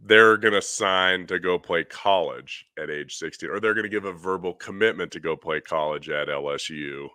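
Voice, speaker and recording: A man's voice: low voice, normal speed, hardly any pauses, sharp tone, clear, resonant tone, no room sound, clean studio sound. A middle-aged man co-hosting a podcast, rambling eagerly through a baseball swing breakdown. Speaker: podcast co-host, hitting coach. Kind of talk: casual podcast chat.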